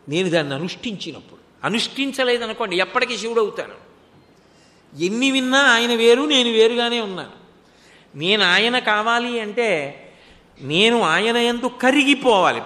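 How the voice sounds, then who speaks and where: Male discourse speaker: bright, forceful tone, storytelling with rhetorical questions. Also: high-pitched. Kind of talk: spiritual discourse. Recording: long hall reverb.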